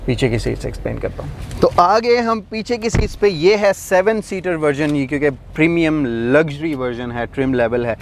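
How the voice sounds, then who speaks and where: A man's voice: a little high, lively intonation, slight background noise. A man doing a casual car review, explaining features as he demonstrates them and using plenty of fillers, recorded inside a large vehicle.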